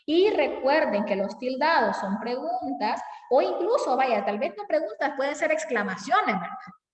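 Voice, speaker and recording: A woman with a Salvadoran accent teaching a grammar lesson alone in a classroom, chatty and expressive, using everyday examples. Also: high voice, moderate pace. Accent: Salvadoran Spanish. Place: empty classroom. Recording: echoey classroom from a distance.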